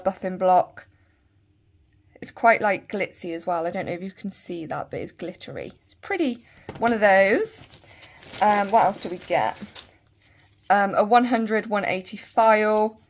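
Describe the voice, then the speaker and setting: A woman with a Bristol accent chatting casually as she unboxes a nail kit and thinks out loud. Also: medium pitch. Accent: Bristol English. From Bristol, England. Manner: chatty, thinking aloud, trailing asides. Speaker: nail vlogger.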